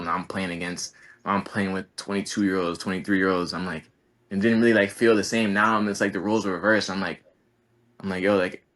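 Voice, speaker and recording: Deep-voiced but fairly bright in tone, a man in his twenties who plays basketball in college chats on a casual podcast. He wanders from point to point, earnest throughout, saying "like" again and again.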